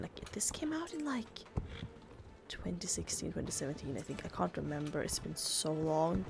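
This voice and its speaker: Chatty woman with a gravelly voice. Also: on the low side, a little mellow. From Sweden. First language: Swedish. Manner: chatty and rambling, full of "like" fillers. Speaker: gaming YouTuber. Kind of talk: casual gameplay commentary.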